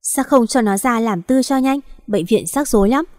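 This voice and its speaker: A woman voicing a crude, dismissive husband who talks fast and coarsely. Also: very high voice, dry recording, studio quality. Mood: scornful. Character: crude defensive husband, adult man.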